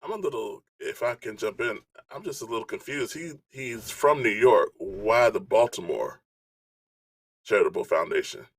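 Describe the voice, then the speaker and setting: A man co-hosting a casual panel podcast, speaking in a measured, reflective way. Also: on the low side, animated, husky, low-quality recording. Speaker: podcast co-host.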